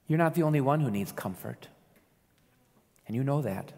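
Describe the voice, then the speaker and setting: A man preaching a sermon as pastor, earnest, rising to loud calls and dropping to soft pleas. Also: medium pitch, lively intonation, normal speed, vocal fry, big-room sound.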